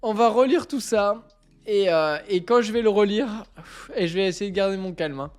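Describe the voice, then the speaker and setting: A man chatting on a live stream, excitable, stammering and repeating himself as he keeps breaking into laughter. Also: high-pitched, normal speed, clean tone, soft background music. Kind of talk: casual live-stream chat.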